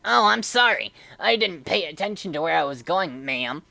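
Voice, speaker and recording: A woman's voice: lowish voice, lively intonation, normal speed, vocal fry, sharp tone, dry recording, heavily acted. A woman reading the lines of a polite male cartoon hedgehog who says he was once cocky and is now mature. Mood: apologetic. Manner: formal, apologetic politeness read aloud from a script.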